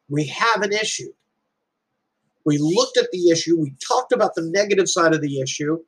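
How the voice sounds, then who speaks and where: In a low-quality recording, a middle-aged man with a slightly high, husky voice gives an earnest, emphatic talk to a group. He recounts a personal story as a parent, repeating key lines to give them weight.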